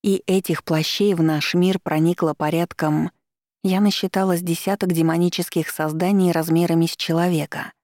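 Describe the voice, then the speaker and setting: A woman narrating a first-person story for an audiobook, calm and even. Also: on the low side, normal speed, no room sound, studio quality.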